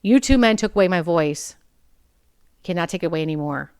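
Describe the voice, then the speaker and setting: Woman in her 40s doing a personal podcast, blunt and sweary, smooth lowish voice, dry close sound. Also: expressive, fairly quick, darkish tone, no room sound. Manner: candid, blunt, swears freely. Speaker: podcast host.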